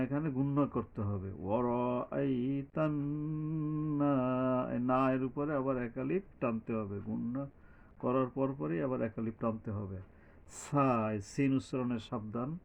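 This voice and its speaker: A man teaching Quran recitation, chanting verses in long drawn-out tones and explaining pronunciation step by step. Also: medium pitch, creaky, phone-quality sound.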